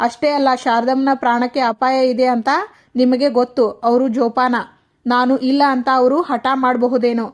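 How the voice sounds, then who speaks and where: A devoted young wife on her way to police training, read by a woman. She speaks gently and respectfully, in a high voice with little rise and fall. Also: lightly acted.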